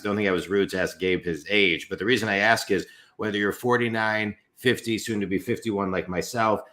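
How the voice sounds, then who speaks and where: A man's voice: lowish voice, fairly bright tone. A man of about fifty hosting a business podcast, talking casually and rambling, with lots of "you know" fillers. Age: 50s. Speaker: podcast host and business coach. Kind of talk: casual interview chat.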